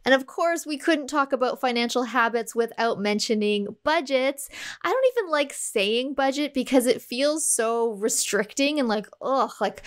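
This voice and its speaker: A woman's voice: sits high, normal speed. A woman hosting her own podcast, talking casually and upbeat with small laughs between points. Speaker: podcast host. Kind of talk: casual solo podcast talk.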